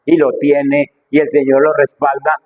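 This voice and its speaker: Middle-aged preacher guy, fervent, tons of rhetorical questions, voice a bit high. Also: monotone, moderate pace, rough recording. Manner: fervent, full of rhetorical questions, wide swings in pitch and loudness. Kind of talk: sermon.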